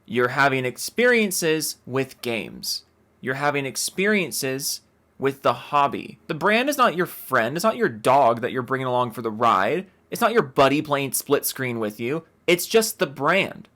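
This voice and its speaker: A man's voice: mid-range voice, very animated, a little slow, pushed and bright. Male reaction commentator, middle register, exasperated and sarcastic, foul-mouthed, conversational. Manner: sarcastic, mocking; profane, exasperated.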